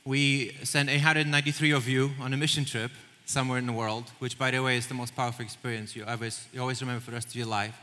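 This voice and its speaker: A Polish missions leader tells a story earnestly in an onstage interview inside a large church auditorium, where the church-hall reverb is audible. His mid-range voice is crisp and bright, fairly even in intonation, and he talks quickly with few pauses and small restarts.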